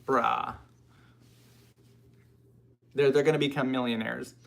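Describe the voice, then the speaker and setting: A slow-speaking American man hosts a laid-back livestream, reading viewer comments out and chatting about them with frequent digressions. His voice is medium-pitched, gravelly and a bit bright, holding a steady tone.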